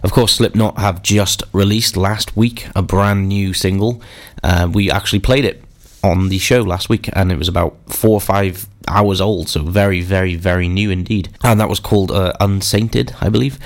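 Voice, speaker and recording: A man's voice: sits low, fairly even intonation, normal speed. A man with a bunged-up, stuffy nose from a cold, casually presenting a rock radio show in a chatty, informal way. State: congested with a cold.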